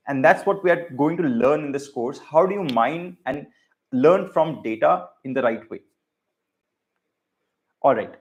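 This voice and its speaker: A man from India with a polished, educated Indian accent, teaching in an informal lecture style and often checking in with "right?". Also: on the high side. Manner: explanatory, checks in with frequent "right?". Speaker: data science teacher.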